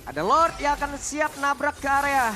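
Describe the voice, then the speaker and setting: A man with an Indonesian accent calling esports play-by-play like a fighting game announcer, with dramatic shouted calls and repeated words. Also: extremely high pitch, moderate pace, a little hiss or hum. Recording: faint music behind. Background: faint music.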